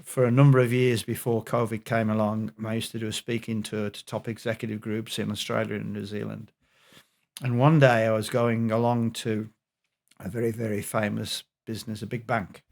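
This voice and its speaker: A middle-aged man, a health expert guest on a podcast, telling an animated anecdote. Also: lowish voice, normal speed, creaky. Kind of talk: storytelling in a podcast interview.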